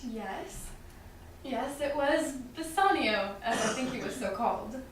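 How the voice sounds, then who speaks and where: High-voiced witty Portia, played by a woman, in echo. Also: lively intonation, unhurried. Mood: fond recall. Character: witty young Venetian heiress, wry and sharp-tongued. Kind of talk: staged reading of Shakespearean comedy. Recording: distant echoey room with faint noise.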